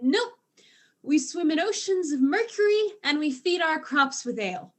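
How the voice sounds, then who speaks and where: A woman's voice: high-pitched, expressive, moderate pace, fairly bright tone. A woman voicing a tipsy, flustered female alien diplomat who is secretly a spy, in a student audio drama, rambling and tripping over her words. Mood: giddy.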